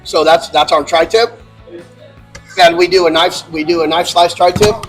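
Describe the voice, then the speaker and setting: A man's voice: on the high side, steady tone, normal speed, a bit bright, faint music behind. A man who owns a barbecue restaurant, chatting casually and laughing often while eating. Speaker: restaurant owner.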